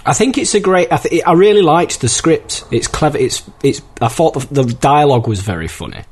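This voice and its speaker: Man, slightly husky voice, eager film chat. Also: on the high side, expressive, fairly quick. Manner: enthusiastic, retells scenes.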